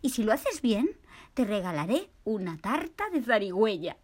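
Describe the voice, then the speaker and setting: A woman's voice: a little high, sing-song, normal speed, a little mellow. A woman voicing a worried, strict mother possum who coaxes her son. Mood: coaxing. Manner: fussing, coaxing.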